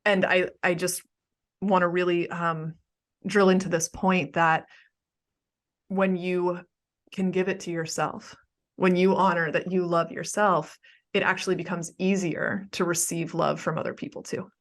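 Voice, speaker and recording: Female host, slightly low voice, affirming, enthusiastic conversational coach. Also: flat delivery, a little slow. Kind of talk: casual podcast conversation.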